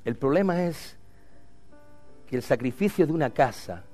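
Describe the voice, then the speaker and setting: A man preaching a sermon as pastor, swinging from loud cries to hushed lines. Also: on the high side, lively intonation, moderate pace, faint music behind.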